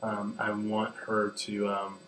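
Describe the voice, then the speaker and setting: A man's voice: on the low side, monotone, slow pace, fairly bright tone. A man in his twenties speaking in a personal vlog, earnest and hesitant, with many ums and restarts. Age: 20s. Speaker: vlogger. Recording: echoey room with mains hum.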